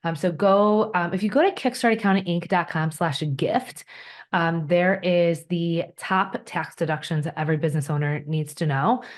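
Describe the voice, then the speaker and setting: Low-pitched woman guest on a podcast, straight to the point, practical. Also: normal speed. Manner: direct, practical, matter-of-fact. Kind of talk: casual interview chat.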